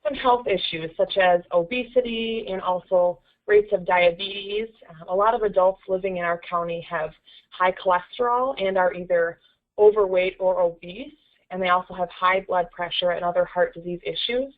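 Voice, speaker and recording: A woman program coordinator answering mock interview questions in a steady, rehearsed way. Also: fairly low pitch, normal speed. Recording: tinny phone line.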